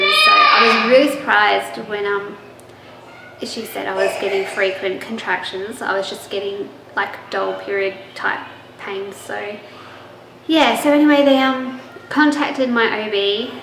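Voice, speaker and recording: Losing her voice, a young pregnancy vlogger gives a relaxed update, full of ums, restarts and easy laughter. Her mid-range voice sounds pushed and bright. The room is echoey, with faint background noise.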